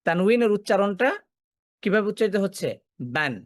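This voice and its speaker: A man's voice: on the high side, lively intonation, unhurried, no room sound. A man teaching a Quran recitation class, asking his students questions, answering them himself and repeating key points. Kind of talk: classroom lesson.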